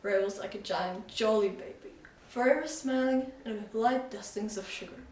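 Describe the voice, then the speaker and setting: A woman's voice: medium pitch, moderate pace, slight background noise. Woman reading a storybook aloud. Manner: expressive, animated reading. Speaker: reader. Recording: echoey room, voice from far off.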